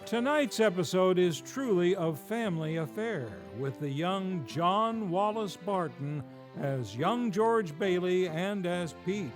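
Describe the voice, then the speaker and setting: On a theater stage during a live show, a man hosts a vintage-style radio program as its announcer, his delivery showy and grandly enunciated. His voice sits high, animated, and takes things slowly, with faint music behind him.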